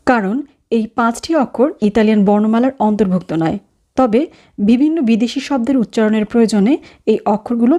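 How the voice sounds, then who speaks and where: A woman teaching pronunciation, saying each letter slowly and carefully and explaining how to say it. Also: a little high, warm tone. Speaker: language teacher. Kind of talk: pronunciation lesson, repeating each letter twice.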